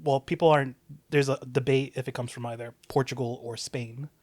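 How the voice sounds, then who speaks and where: A young man speaking at an everyday pitch, recorded close and dry with no room sound. He chats on a podcast in a relaxed way, stumbling and restarting as he explains things. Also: fairly quick, no echo. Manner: hesitant restarts, laid-back explaining. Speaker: podcast co-host. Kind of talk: casual chat.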